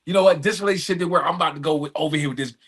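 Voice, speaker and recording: Speaking very fast in a slightly high voice, a man shares his personal stories candidly on a podcast. The lengthy conversation is emphatic and sprinkled with street slang and phrases he repeats.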